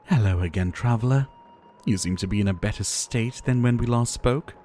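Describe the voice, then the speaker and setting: In an ASMR roleplay, a man voices a gentle, ailing pharmacist doctor, speaking softly and theatrically with courteous, wistful phrasing and sighs. His mid-range voice moves at a moderate pace, lightly acted, with a warm, welcoming mood.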